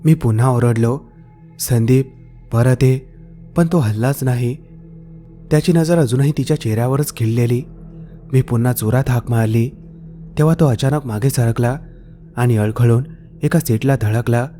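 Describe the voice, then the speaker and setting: A man narrating a scripted horror story in a slow, hushed, suspenseful way. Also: medium pitch. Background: faint eerie background music.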